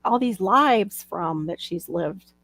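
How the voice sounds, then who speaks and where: Chatty woman with a gravelly voice. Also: mid-range voice, animated, takes it slowly, fairly bright tone, dry recording. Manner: chatty, laughs often. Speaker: livestream host. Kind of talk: casual chat. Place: home livestream. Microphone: video call.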